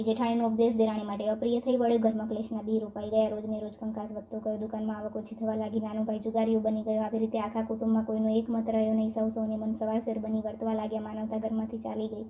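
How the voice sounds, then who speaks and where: Fast, flat-voiced Gujarati woman storyteller. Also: a little high. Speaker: narrator. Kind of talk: devotional story reading.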